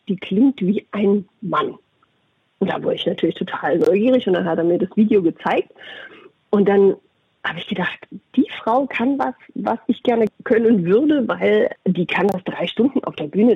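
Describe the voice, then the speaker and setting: A middle-aged woman with a husky voice answers interview questions conversationally, telling anecdotes about her work. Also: medium pitch, no echo. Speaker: interviewee, doctor and puppeteer. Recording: thin phone-like radio sound.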